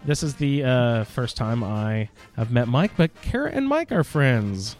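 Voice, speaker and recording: A man's voice: mid-range voice, sing-song, a little slow, darkish tone, soft background music. A man hosting a gaming podcast in a casual, informal, self-deprecating way. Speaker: podcast host.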